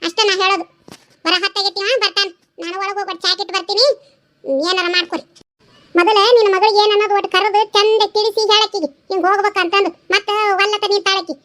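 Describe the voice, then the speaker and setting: A bossy village mother, voiced by a woman in a cartoon, with a very high, bright voice and brisk, scolding talk. She rattles along quickly in a North Karnataka Kannada accent. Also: fairly even intonation. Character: middle-aged village mother, blunt and bossy. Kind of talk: cartoon voice acting.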